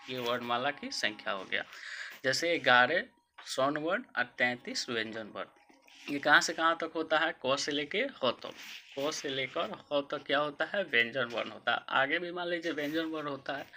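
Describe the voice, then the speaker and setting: A man's voice: a little high, bright, forceful tone, slight background noise. A man teaching a grammar lesson, asking questions and answering them himself in a casual, repetitive way. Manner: casual regional Hindi with words like एगो and गो. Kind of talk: board-exam grammar lesson.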